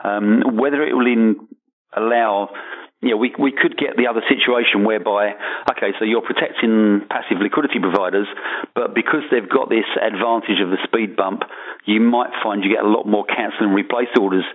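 Casting: lower-pitched male columnist, hesitant, restarts often, phone-quality audio. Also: steady tone, a little fast. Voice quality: hesitant, many restarts and fillers. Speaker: financial markets columnist. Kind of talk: casual podcast discussion. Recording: phone-like narrow sound.

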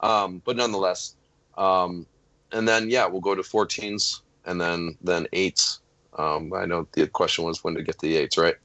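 A man's voice: deep voice, little pitch movement, moderate pace, a bit bright, no echo. A man who says he is losing his voice, talking loosely as a strength coach on a podcast panel, with many fillers. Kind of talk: casual panel discussion.

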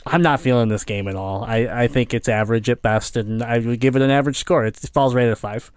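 A man's voice: mid-range voice, fairly even intonation, smooth, dry recording. Casual male podcast host. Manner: halting, restarts phrases.

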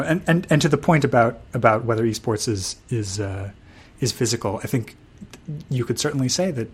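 A man's voice: mid-range voice, slight background noise. A man co-hosting a casual gaming talk show, speaking hesitantly with frequent restarts and fillers. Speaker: podcast co-host. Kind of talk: casual chat.

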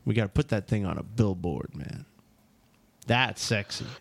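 A man's voice: fairly low pitch, normal speed, creaky, no room sound. A man chatting casually as a radio show panelist. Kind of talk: casual banter.

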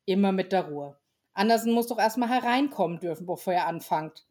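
Motherly storybook Mrs. Christmas, gentle and reassuring, read by a woman. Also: medium pitch, animated, a little fast, lightly acted. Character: calm, motherly wife of Father Christmas.

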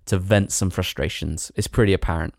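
A man's voice: low voice, steady tone, a little fast, creaky, heavy background noise. A man co-hosting a podcast, joking and opinionated as he reviews films in casual chat. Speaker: podcast co-host and film reviewer.

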